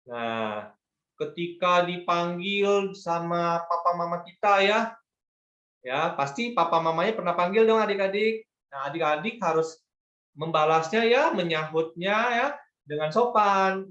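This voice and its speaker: A man's voice: high voice, fairly bright tone, reverberant, muffled recording. A man teaching an online Sunday school lesson to children, patient and coaxing, often asking them to agree.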